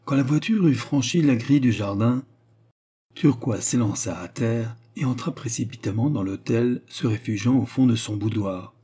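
Husky guy reading an old novel aloud, dark mellow tone. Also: mid-range voice, normal speed. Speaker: audiobook narrator. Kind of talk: scripted narration of a novel.

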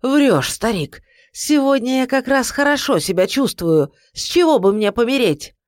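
A reader voicing an old tyrant tsar, with a dry, harsh, croaking voice and a mocking, commanding way of speaking. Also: mid-range voice, expressive, normal speed, no echo, pitched above the performer's own voice, close to an everyday voice. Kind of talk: audiobook character voice.

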